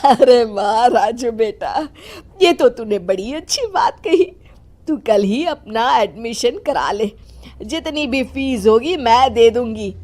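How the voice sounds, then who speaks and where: A woman voicing a haughty, bossy old grandmother in an animated family drama. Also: fairly high pitch. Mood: doting, delighted. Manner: bossy, dismissive, drawn-out delivery. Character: scolding, haughty old grandmother who favours her grandson.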